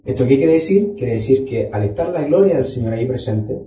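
A man's voice: mid-range voice, lively intonation, fairly quick, mellow. A man preaching a sermon as a pastor, teaching a Bible study and reading scripture aloud. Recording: echoey room, voice from far off.

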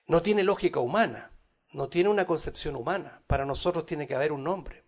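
A man with a high-pitched voice delivers a teaching sermon, calling his listeners brothers. He swells loudly when reading scripture and sinks low and quiet for his side remarks. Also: brisk. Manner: teaching Bible study, addressing listeners as brothers; rises in volume on scripture, drops low on asides. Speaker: pastor.

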